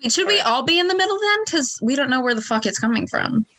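A woman playing a tabletop game, chatting in a playful, excitable way and laughing often. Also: high-pitched, fast, dry recording, low-quality recording. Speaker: player. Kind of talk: casual tabletop game chat.

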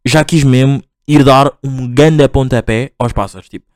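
A man's voice: medium pitch, normal speed, clean tone, no echo. Slangy young man, dry sound. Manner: slangy, rambling, exasperated asides to listeners. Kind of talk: casual storytelling monologue.

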